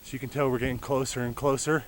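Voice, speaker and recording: A man's voice: mid-range voice, level tone, fast talker. A man hosting a hiking vlog, describing the trail in an easygoing, upbeat way as he walks outdoors. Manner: easygoing, chatty, upbeat about the scenery. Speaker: vlog host. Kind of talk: casual hiking vlog narration. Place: outdoors on a desert mountain trail. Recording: outdoor noise on a camera mic.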